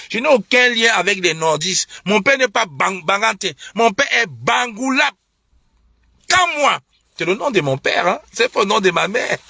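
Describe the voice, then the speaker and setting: A man's voice: sits high, pushed and bright, no echo, studio quality. A young man from Cameroon, ranting on a live stream with indignant, repetitive, mocking talk and scornful laughs. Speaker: online political commentator. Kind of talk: heated live-stream rant.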